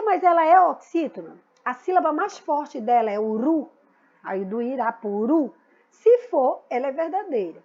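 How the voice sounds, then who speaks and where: A woman's voice: sits high, dull audio. A woman teaching a grammar lesson, patiently explaining and repeating key words for her students. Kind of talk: recorded school lesson.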